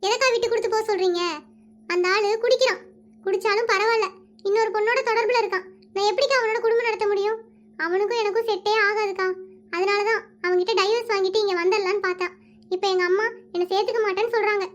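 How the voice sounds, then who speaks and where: A performer voicing an unhappy but resolute young wife in an animated comedy, pleading and calling the other woman "akka". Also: extremely high pitch, fast talker, muffled recording.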